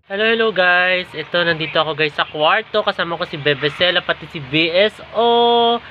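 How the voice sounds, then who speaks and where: A man's voice: sits high, moderate pace, soft background music. A man from the Philippines vlogging casually at home, talking to his viewers on a phone camera and calling them guys again and again. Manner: chatty, keeps addressing viewers as guys. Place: at home indoors. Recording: dull lo-fi audio with clear background noise.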